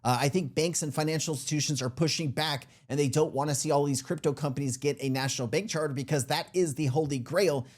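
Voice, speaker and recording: A man's voice: a little high, fast, hardly any pauses, darkish tone. A man hosting a casual commentary show, talking informally to viewers with a slightly thick voice from a sore throat. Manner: informal, addresses viewers as guys. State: sore throat, feeling unwell. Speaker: crypto show host. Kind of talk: casual commentary on played clips.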